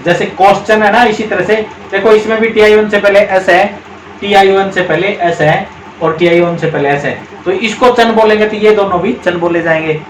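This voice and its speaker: Brief: Indian male grammar teacher, slightly high voice, patient step-by-step explanations with repeated words, echoey room. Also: fairly even intonation. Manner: explains step by step, repeats words slowly, calls students beta. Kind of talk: classroom-style video lesson. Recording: echoey room with faint background noise.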